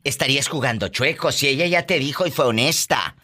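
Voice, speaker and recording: A middle-aged woman with a Mexican accent hosts a call-in radio show, her voice bright and crisp. She talks to callers in an affectionate, teasing way. Her pitch rises and falls freely as she reacts. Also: expressive, brisk.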